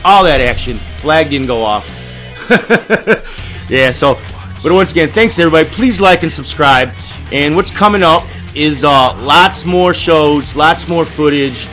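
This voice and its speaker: A man narrates underwater fishing clips as the host of his own show, in a casual, rambling voice-over. He gets excitable as the action comes, leaning on fillers and restarts. Soft guitar music plays faintly underneath. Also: on the high side, a little slow. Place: studio voice-over, not the pictured lake.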